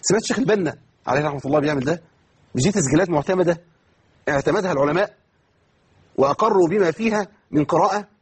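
A man with an Egyptian accent teaching Quran recitation in an online lesson. He asks himself questions and answers them, and he stretches words out slowly to demonstrate. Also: fairly high pitch, husky. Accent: Egyptian Arabic.

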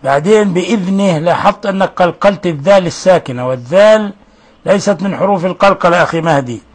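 A man's voice: high voice, fast talker. A middle-aged man hosting a radio lesson, patiently correcting callers' pronunciation with repeated examples. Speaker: host and recitation teacher.

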